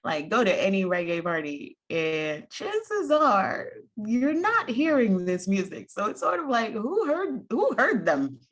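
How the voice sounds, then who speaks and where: A woman co-hosting a casual, opinionated chat in an animated way. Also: medium pitch, measured pace, hardly any pauses. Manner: animated, acts out imagined quotes, laughs easily. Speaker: podcast co-host.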